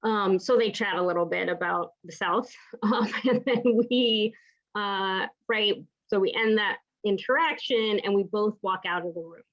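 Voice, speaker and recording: A palliative care clinician from the US Pacific Northwest tells a story from her practice during a lecture, reflective and conversational, often checking in with "right?". Her voice is medium-pitched and a little slow, and the recording has its highs cut off.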